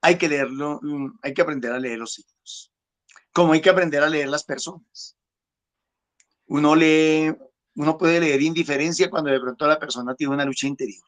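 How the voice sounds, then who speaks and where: A man's voice: fairly high pitch, steady tone, moderate pace. A man giving a conversational, reflective homily, with frequent fillers and repeated words. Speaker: preacher.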